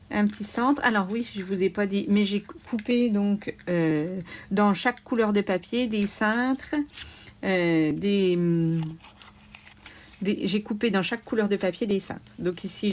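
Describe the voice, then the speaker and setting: A woman calmly explaining a card-making craft step by step, with little asides as she works. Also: medium pitch. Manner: slow, explaining each step aloud, small "hop" asides. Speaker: craft demonstrator.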